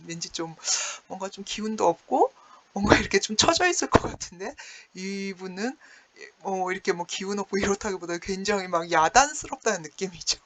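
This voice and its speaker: Chatty teacher with a lively explaining tone. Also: mid-range voice. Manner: chatty, explanatory, frequent "yes" and "like" fillers; acts out the poem's lines with sighs and chuckles. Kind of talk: online class lecture on classical poetry.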